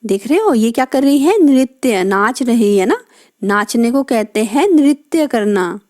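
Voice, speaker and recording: Teacher woman, slightly high voice, drawn-out words for kids, slow and patient. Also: lively intonation, a little mellow. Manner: asks the children questions and explains each word. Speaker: primary school Hindi teacher. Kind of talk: recorded lesson for young children.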